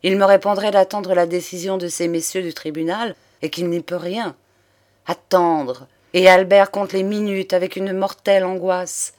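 A woman's voice: on the low side, steady tone, normal speed, a little mellow, lightly acted. Woman reading an old count, fatherly and earnest, lots of exclaiming, audiobook. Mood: troubled. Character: elderly aristocratic count, grieving, energetic father.

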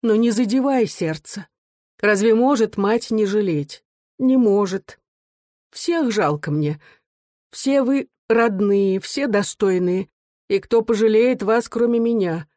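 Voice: mid-range voice, slow, darkish tone, dry recording, studio quality, pitched above the performer's own voice, lightly acted. A narrator voicing an aging working-class mother who pleads in a raised, trembling voice. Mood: pleading. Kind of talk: audiobook character reading.

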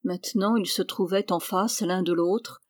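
A woman narrating a literary novel as an audiobook, in a measured, clear reading. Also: fairly low pitch, fairly even intonation, dry recording. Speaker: audiobook reader.

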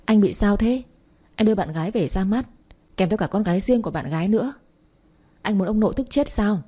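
A woman's voice: mid-range voice, expressive, fairly quick, dark tone, breathy edge. A woman voicing a spirited young mother in a story, pert and a little defiant. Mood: anxious.

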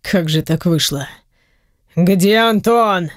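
A reader voicing a stern, quick-tempered wealthy father who speaks slowly and low. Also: lively intonation, no room sound, clean studio sound, lightly acted. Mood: angry. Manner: slow, low, weighty delivery.

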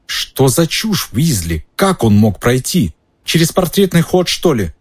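A man voicing a strict, indignant elderly female professor in a storybook reading, with a sharp, scolding manner. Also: medium pitch, big pitch swings, unhurried, husky, voice pushed up.

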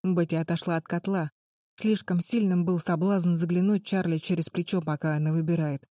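A woman narrating a children's adventure audiobook in a calm, even storytelling manner. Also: lowish voice, moderate pace, no room sound, studio quality.

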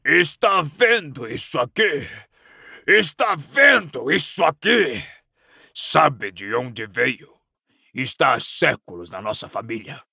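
A man voicing a coarse, hostile old father in an audiobook, snarling and mocking in slow, menacing speech. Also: mid-range voice, big pitch swings, vocal fry, sharp tone, breathy edge, no echo, studio quality, full character voice. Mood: bellowing.

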